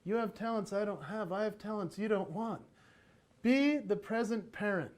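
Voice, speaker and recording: A man giving a playful, animated motivational talk on parenting at a conference, acting out little voices as he goes. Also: sits high, moderate pace. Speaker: keynote speaker on parenting.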